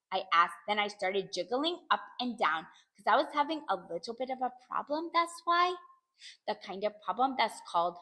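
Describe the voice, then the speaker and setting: A woman reads a children's chapter book aloud, narrating in an animated, expressive first-person voice. Her voice is high and bright, with lively swings in pitch. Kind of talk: storybook read-aloud.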